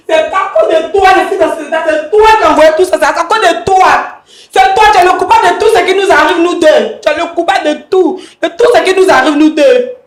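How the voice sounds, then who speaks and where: High-pitched accusing woman, echoey. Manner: accusing, repeats questions, bursts into shouting. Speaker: guest in a couple dispute.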